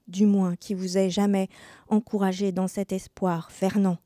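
A woman's voice: mid-range voice, flat delivery, measured pace, dark tone, no room sound, clean studio sound, natural voice. A woman voicing a steadfast young woman who speaks firmly and coolly in a dramatized reading. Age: young adult. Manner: firm, cool.

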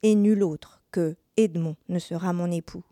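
A woman's voice: medium pitch, steady tone, moderate pace, warm tone, dry recording, clean studio sound, lightly acted. A woman voicing a steadfast young woman who speaks firmly and coolly in a dramatized reading. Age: young adult. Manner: firm, cool.

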